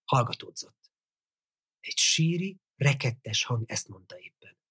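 A man reading a novel aloud as an audiobook narrator, in a steady storytelling delivery. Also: medium pitch, breathy edge, no echo, studio quality.

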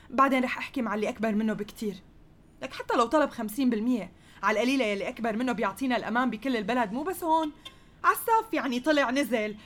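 A woman's voice: a little high, natural voice. An actress with a Levantine Arabic accent playing a firm, self-assured businesswoman. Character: proud, defiant businesswoman.

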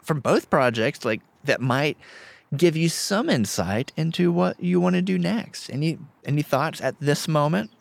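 A man's voice: a little high, expressive, measured pace, gravelly, dry recording. A man interviewing a graduate, upbeat and encouraging, often repeating his phrases.

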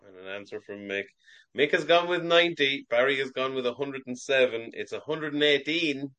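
A man as quiz master, reading sports questions at a measured, steady pace over a video call. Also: medium pitch.

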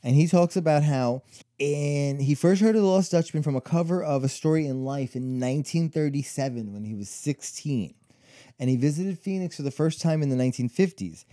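A man's voice: on the high side, mellow. A man in his forties, co-hosting a casual chat and telling long stories full of "like" and "you know.". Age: 40s. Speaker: podcast co-host.

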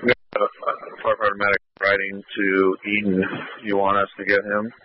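A man's voice: fairly low pitch, monotone, fairly quick. A man, an emergency responder, giving clipped, businesslike updates over a two-way radio. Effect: two-way radio transmission. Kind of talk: terse radio dispatch talk. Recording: muffled dry radio audio.

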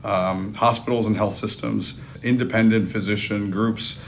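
A man with a low voice and very even intonation answers as a professional podcast guest. His phrasing is measured and halting, and there is faint rumbling noise in the recording. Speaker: podcast guest, investment banker.

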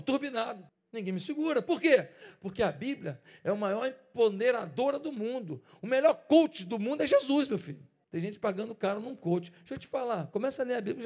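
Brazilian male pastor, higher voice, chatty sermon that acts out scenes and swells into forceful preaching. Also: brisk, husky. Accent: Brazilian Portuguese. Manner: lively and colloquial, acting out everyday scenes; rises to forceful emphasis.

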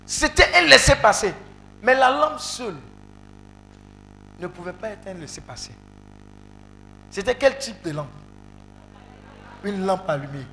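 A male preacher leading an interactive sermon, calling out to the congregation and breaking into loud exclamations. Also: high-pitched, a little hiss or hum. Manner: animated, calls out to the congregation, bursts into loud exclamations. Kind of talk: interactive sermon with call and response.

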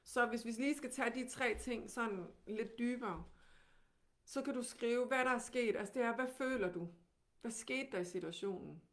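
A woman with a Danish accent teaching, who guides calmly and gently with many questions. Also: fairly high pitch.

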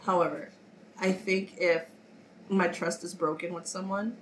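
Low, nasal-sounding woman chatting. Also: steady tone, a little slow, a little hiss or hum, low-quality recording. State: nasal from a cold. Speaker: podcast co-host. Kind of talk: casual chat.

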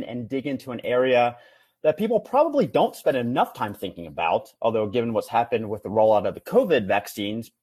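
A man hosting a podcast, explaining things conversationally with halting, repeated words. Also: medium pitch, a little mellow, slightly rough. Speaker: podcast host.

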